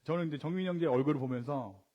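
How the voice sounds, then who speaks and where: A male pastor giving a conversational sermon, often asking the congregation questions and swinging his pitch and loudness for emphasis. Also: very fast, dull audio. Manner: quietly voiced prayer.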